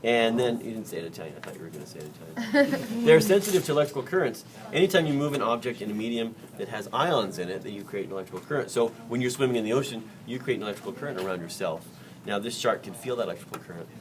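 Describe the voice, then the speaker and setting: A man's voice: medium pitch, lively intonation, rapid-fire. A man teaching a biology class during a dissection, joking and quizzing his students. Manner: jokey, chatty, quizzes the class. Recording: distant mic in a noisy classroom.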